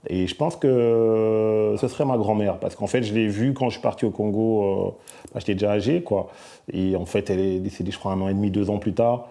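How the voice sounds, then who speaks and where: A middle-aged man from Belgium, answering interview questions in a soft-spoken, hesitant way with many fillers. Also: lowish voice, fairly quick. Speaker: musician guest.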